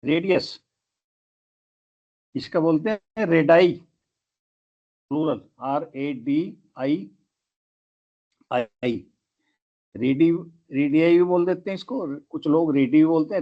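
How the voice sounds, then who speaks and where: A man's voice: a little high, measured pace, pauses often, muffled recording. A man teaching English grammar in a lesson, spelling words out letter by letter.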